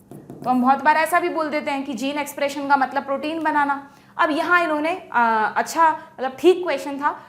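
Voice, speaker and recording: An Indian woman teacher working through exam questions, explaining step by step, checking in with students often and reading the question text slowly. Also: sits high. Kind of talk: exam solution lesson.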